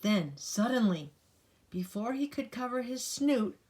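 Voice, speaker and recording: Reading to young children, this grandmother uses a fairly high, darkish-toned voice that is expressive and unhurried. She turns the picture book into a playful sing-song, emphasizing lists dramatically and addressing the kids directly with chatty asides.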